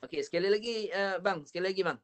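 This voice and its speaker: A man with a Malaysian Malay accent teaching Quran recitation in an online class, patiently modelling each sound slowly and repeating it. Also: high-pitched. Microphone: online video call.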